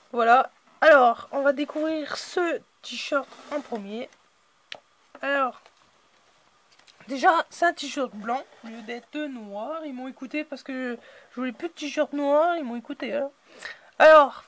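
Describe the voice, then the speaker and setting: A man hosting a casual unboxing video, hesitant and filling his pauses with "euh" and "voilà". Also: very high-pitched, a bit bright.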